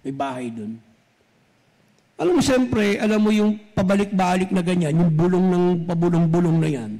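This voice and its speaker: A man preaching as pastor speaks straight to the congregation, mixing Tagalog with English. His high voice is warm and animated at normal speed, and the large hall gives a long reverb.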